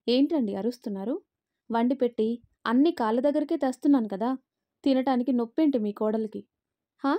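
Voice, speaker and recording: A woman voicing a bitter, sharp-tongued middle-aged mother-in-law who scolds and taunts in a raised voice. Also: on the high side, brisk, long pauses, lightly acted. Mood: scornful.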